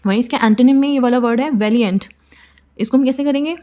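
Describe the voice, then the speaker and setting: A woman teaching vocabulary in casual Hindi mixed with English, explaining memory tricks step by step and slowing down on key words. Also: fairly high pitch, warm tone.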